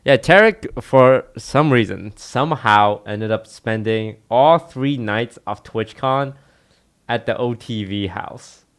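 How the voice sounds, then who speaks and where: Young male podcast co-host, gravelly, laid-back rambling storyteller. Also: mid-range voice, takes it slowly. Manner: relaxed, rambling with many fillers. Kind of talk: casual storytelling.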